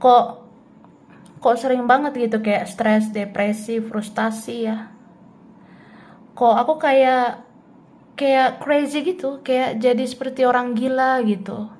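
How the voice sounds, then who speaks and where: A woman's voice: a little high, steady tone, takes it slowly, long pauses, darkish tone. A woman doing a casual tarot reading who chats freely, laughs often and speaks the other person's thoughts in the first person. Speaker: tarot reader.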